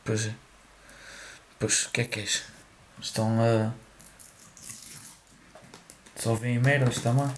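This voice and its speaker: A man's voice: mid-range voice, steady tone, slow, long pauses, slight background noise. A young man with a European Portuguese accent, chatting informally in slang as a podcast co-host. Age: young adult. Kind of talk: casual chat.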